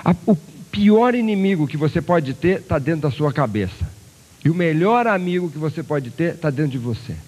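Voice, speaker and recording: Give me an animated motivational speaker telling stories on stage, slightly high-pitched. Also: male voice, moderate pace, husky, low-quality recording. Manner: animated storyteller who acts out voices. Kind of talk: motivational lecture with storytelling. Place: lecture hall before an audience.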